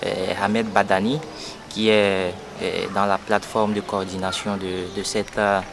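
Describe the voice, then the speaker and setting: A man's voice: fairly low pitch, little pitch movement, creaky. Guy in his 20s talking politics outside, lots of euh and restarts, traffic noise all around. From Togo. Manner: earnest, halting with many fillers and repeated words. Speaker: young party activist. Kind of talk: political interview statement. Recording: noisy outdoor street recording.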